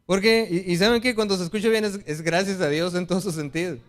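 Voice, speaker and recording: High-pitched guy with a mexican accent preaching, earnest, calls everyone brother, acts out little quoted excuses. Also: fairly even intonation, fast. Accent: Mexican Spanish. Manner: earnest, appeals to the congregation as brothers. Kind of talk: sermon.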